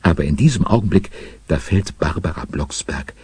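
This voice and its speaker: A man narrating a children's radio play in a confiding storytelling manner, gravelly and raspy. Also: extremely low pitch, expressive, moderate pace, a little mellow, no echo.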